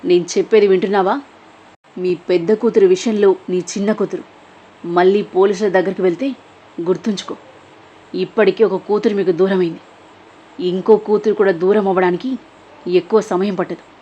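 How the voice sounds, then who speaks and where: A woman's voice: medium pitch, fairly even intonation, normal speed, pauses often, warm tone, natural voice. A woman voicing a cold woman villain who issues clipped threats over the phone. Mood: menacing. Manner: menacing, clipped. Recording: dull lo-fi recording.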